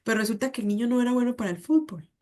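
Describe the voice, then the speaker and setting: A woman's voice: on the high side, lively intonation, very fast, warm tone. A woman psychologist, giving a conversational talk on parenting full of rhetorical questions.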